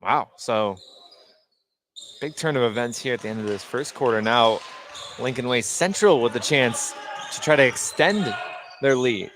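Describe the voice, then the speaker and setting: A man with a mid-range, fairly bright voice narrates a basketball game for live radio, unhurried and pausing often. He describes the action in short, clipped phrases, and the gymnasium ambience and bouncing basketballs are clearly audible behind him.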